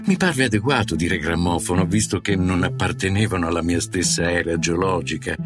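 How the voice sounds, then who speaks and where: A man's voice: low-pitched, a little fast. A man narrating a short story with a wry, ironic manner. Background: guitar music.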